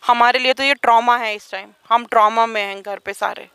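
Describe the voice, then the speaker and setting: Woman, interviewee, aggrieved testimony, high-pitched, dry close sound. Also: fairly even intonation, fairly quick, bright, forceful tone, clean tone, dry recording. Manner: urgent, aggrieved. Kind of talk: emotional testimony.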